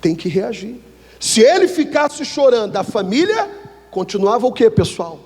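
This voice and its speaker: Husky high-voiced Brazilian pastor preaching. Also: male voice, very animated, moderate pace, a little mellow, long reverb tail. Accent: Brazilian Portuguese. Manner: call-and-response preaching, asking the congregation to answer. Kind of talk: sermon. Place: church hall.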